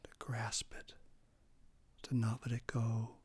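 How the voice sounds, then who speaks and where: A man leading a guided meditation in a calm, gentle way, his phrases often trailing off into a soft breathy hush. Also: mid-range voice, slow.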